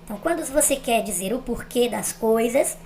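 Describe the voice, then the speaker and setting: A woman's voice: fairly high pitch, animated, normal speed, a little mellow, slight background noise. A woman explaining grammar step by step on video, checking that the viewer follows. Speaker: teacher.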